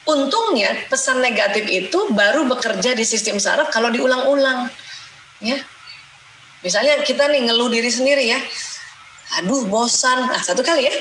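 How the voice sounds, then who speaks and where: A middle-aged woman giving a religious lecture in a lively, conversational way, acting out mothers' prayers and complaints. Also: on the high side. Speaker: Islamic lecturer and doctor. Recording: roomy echo, faint background noise.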